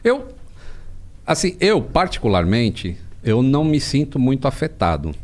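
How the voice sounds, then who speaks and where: A Brazilian man as a podcast guest, telling stories in a casual, animated way, with plenty of slang and swearing. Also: medium pitch, a little slow. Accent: Brazilian Portuguese. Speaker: podcast guest, aviation creator. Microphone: studio podcast mic.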